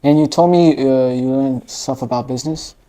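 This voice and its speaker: A man's voice: medium pitch, normal speed, mellow, poor audio. A male host asking casual, curious questions in an easygoing chat, with lots of "like" filler. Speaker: interview host.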